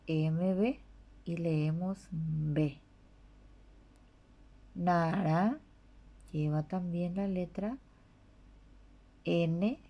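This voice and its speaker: A woman's voice: on the low side, gravelly, mellow, dull audio. A woman teacher reading out a language lesson, naming each letter and its syllable and repeating them. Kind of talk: slow read-aloud language lesson.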